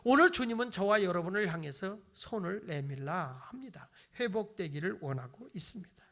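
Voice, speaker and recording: A middle-aged man preaches with a high, gravelly voice, bright and forceful in tone. He plays out his congregants' excuses in little voices and drops from loud emphasis to near-whispers. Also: animated, normal speed. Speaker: pastor. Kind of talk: sermon.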